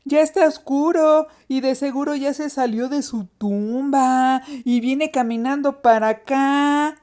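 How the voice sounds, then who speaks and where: A woman's voice: sits high, measured pace, a little mellow, pitched above the performer's own voice. A woman voicing a taunting, bossy older sister who teases her younger siblings and mimics a strict teacher, in a told story.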